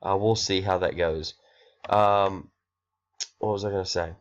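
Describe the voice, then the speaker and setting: A man with a cold talks students through a course overview. His stuffy, nasal voice sits fairly low, and he rambles, fills pauses with uh and um, and corrects himself as he goes. The recording sounds dull and lo-fi. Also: steady tone. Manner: rambling, filler-heavy, self-correcting. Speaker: math instructor.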